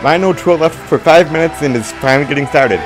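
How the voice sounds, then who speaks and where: A man's voice: a little high, fast talker, music in the background. A man giving dry, wry asides while reacting to a video. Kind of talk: casual reaction commentary.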